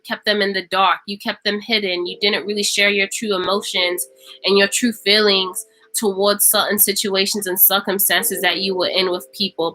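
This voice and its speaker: A woman's voice: medium pitch, pushed and bright, rough recording. A woman giving a casual tarot reading to camera. She talks emphatically and repeats phrases for stress. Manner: acts out imagined speech. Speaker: tarot reader.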